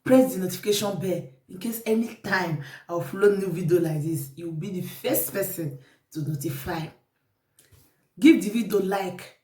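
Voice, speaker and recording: A woman in a Nigerian Pidgin accent exhorts her viewers with repetitive life advice in a casual monologue, her lowish voice dark-toned and moderately paced. She vlogs from an echoey room with the microphone placed far away.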